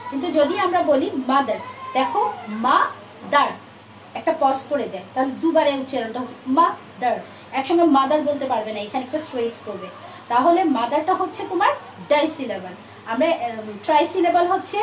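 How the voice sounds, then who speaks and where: A woman English teacher with a Bangladeshi accent in English, giving an online class, mixing English into her talk and calling students dear, with frequent filler sounds. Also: high voice. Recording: echoey room, distant mic, faint noise.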